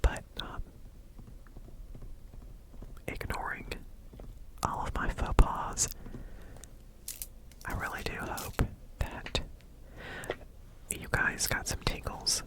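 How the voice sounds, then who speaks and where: Slow, whispered ASMR host. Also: rough recording. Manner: soft, unhurried, halting whisper.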